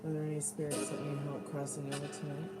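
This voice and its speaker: A woman's voice: low voice, monotone, fast talker. A woman hosting a live tarot stream, casually putting questions to spirits and chatting with viewers. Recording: loud music over the voice. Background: loud music.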